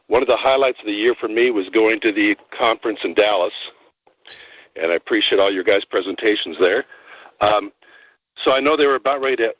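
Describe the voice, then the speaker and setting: A man's voice: mid-range voice, no room sound. A man from Northern California calling in over the phone, friendly and hesitant, with lots of fillers. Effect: heard over the phone. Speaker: caller. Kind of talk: call-in chat. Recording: muffled phone line.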